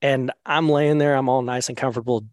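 Man, casual podcast guest, lively storyteller, dry close sound. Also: mid-range voice, a little fast, no echo. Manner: laughing, animated storyteller with lots of fillers.

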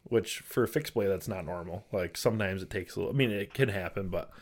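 A man's voice: low-pitched, fast talker. A man from Michigan co-hosting the show, reacting eagerly and replaying his side of the conversation. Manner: reactive, enthusiastic, quotes himself. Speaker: co-host. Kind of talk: casual conversational chat.

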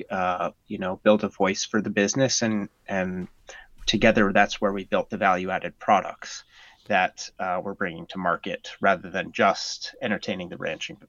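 Male rancher guest, hesitant and plain, lowish voice, dry dull recording. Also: a bit bright, no room sound. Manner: halting, many ums and pauses. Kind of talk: casual podcast interview.

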